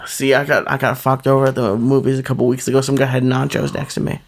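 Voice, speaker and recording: A man co-hosting a podcast, talking fast at an ordinary pitch. He keeps firing off disbelieving questions in a loose, casual back-and-forth. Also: level tone, vocal fry. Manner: quick, incredulous questions. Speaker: podcast co-host.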